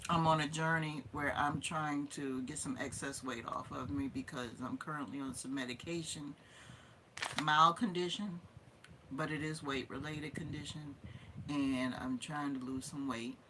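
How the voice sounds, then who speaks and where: Southern woman in her fifties, live-stream host; bright, forceful, opinionated delivery that hammers points home. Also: very deep voice, slight background noise. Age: 50s. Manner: emphatic, opinionated, repeats herself for stress. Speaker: livestream host. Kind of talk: casual livestream talk.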